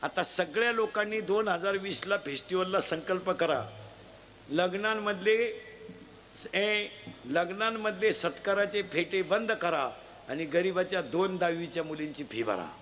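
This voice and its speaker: High-voiced preacher, noisy. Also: male voice, unhurried. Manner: loud, teasing, quizzes children in the crowd. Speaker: folk preacher addressing a crowd. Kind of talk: humorous moral sermon with call-and-response. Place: outdoor festival gathering. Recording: noisy live crowd recording.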